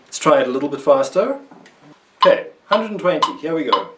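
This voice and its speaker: A man's voice: fairly high pitch, big pitch swings, fairly quick, far from the mic. A man teaching a guitar lesson, explaining patiently and methodically and counting out strokes as he demonstrates. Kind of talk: instructional video lesson. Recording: roomy sound, voice a bit off-mic. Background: guitar playing.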